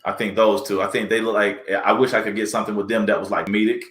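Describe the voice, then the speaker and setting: Male comedic actor, interview guest; relaxed, anecdotal, echo in the room. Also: on the low side, fast. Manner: relaxed storyteller, acts out quoted people. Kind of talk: casual interview chat. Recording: roomy echo.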